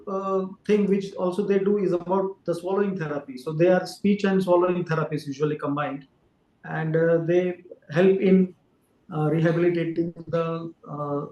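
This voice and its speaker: A man's voice: fairly high pitch, mellow. Male doctor, echoey room. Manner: careful explainer with frequent fillers. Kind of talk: explaining to an interviewer. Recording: roomy echo.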